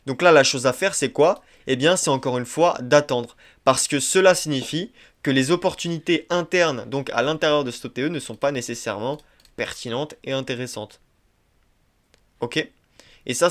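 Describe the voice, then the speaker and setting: A man teaching trading over a screen-share tutorial, who talks emphatically, repeats key points and keeps asking "ok?". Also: mid-range voice. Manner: repetitive, emphatic, many verbal tics like "ok?" and "hop". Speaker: trading instructor.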